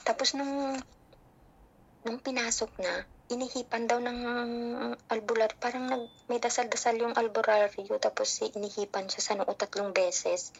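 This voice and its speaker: A woman's voice: a little high, normal speed, dull audio, slight background noise. A middle-aged woman, casually telling a story about her child and acting out what people said. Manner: animated storytelling, acting out dialogue.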